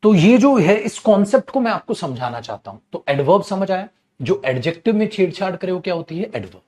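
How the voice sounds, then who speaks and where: A grammar teacher with a Hindi accent gives an online class, his somewhat high voice rising and falling a lot. He explains patiently and fondly calls his students "beta". He keeps asking the class questions and then answering them himself. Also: sing-song, brisk, warm tone.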